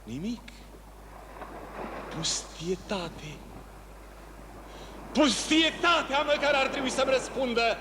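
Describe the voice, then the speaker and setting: A man's voice: sits high, big pitch swings, long pauses. An actor playing a lonely fisherman who talks to himself, musing aloud and breaking into long calls. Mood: brooding. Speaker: actor in a one-man stage play. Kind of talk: theatrical monologue. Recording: noisy ambient background.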